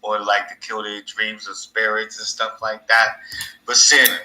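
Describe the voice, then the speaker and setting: A man's voice: lowish voice, flat delivery, a little slow, pushed and bright, slight background noise. A man hosting his own podcast in a casual, rambling monologue, laughing at his own stories. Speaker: podcast host. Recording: echoey room.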